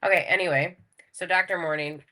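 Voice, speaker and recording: A woman co-hosting a podcast in casual chat, teasing her partner with quick retorts and frequent laughs. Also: fairly low pitch, fairly even intonation, bright, forceful tone. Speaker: podcast co-host.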